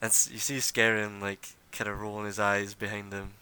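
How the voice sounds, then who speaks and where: Bright, low-voiced male game master. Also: completely flat delivery, normal speed, smooth. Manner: loose, rambling, full of fillers and restarts. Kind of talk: narrating a tabletop game.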